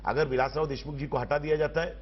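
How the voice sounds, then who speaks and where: A man with a fairly high voice makes his case as a panelist in a televised debate. He drives his points home forcefully in long, rhetorical sentences. The broadcast audio sounds somewhat dull. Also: steady tone, fast talker. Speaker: political panelist.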